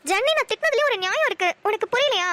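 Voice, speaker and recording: A woman's voice: very high voice, expressive, very fast, sharp tone, no room sound, full character voice. A woman voicing a guarded young woman in a cartoon who explains herself anxiously and defensively. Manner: anxious, self-justifying. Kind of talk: Tamil cartoon voice acting.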